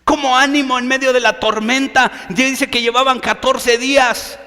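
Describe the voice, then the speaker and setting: Male pastor, fervent preacher, sharp bright tone, echoing through a church hall. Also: extremely high pitch, steady tone, normal speed. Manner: emphatic preaching, questions the listener directly. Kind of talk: sermon.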